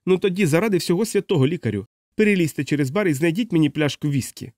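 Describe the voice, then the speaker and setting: A man's voice: on the high side, expressive, fast, darkish tone, no room sound, clean studio sound, voice pushed up, close to an everyday voice. A man voicing a drunk blind publican. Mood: drunken grumbling. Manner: slurred, boisterous, self-pitying. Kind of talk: audiobook character voice.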